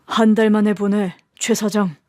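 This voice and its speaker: Calm powerful businessman father, read by a woman, measured radio-drama delivery, dry. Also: medium pitch, no echo, lightly acted. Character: powerful middle-aged man, calm company boss.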